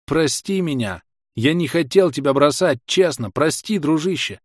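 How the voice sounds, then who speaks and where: An impulsive young warrior-mage hero who yells through fights and pleads hard for forgiveness, voiced by a male audiobook reader. The delivery swings widely in pitch. The sound is dry and close, with no room around it. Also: very animated, normal speed, no echo. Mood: pleading. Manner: shouting in battle, pleading apologies. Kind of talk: audiobook character voice.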